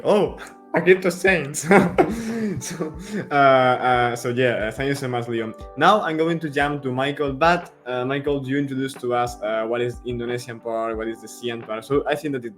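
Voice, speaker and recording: A man's voice: mid-range voice, fairly bright tone. A man from Europe hosting a casual podcast conversation, hesitant and full of "uh" and "um", laughing often. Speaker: podcast host.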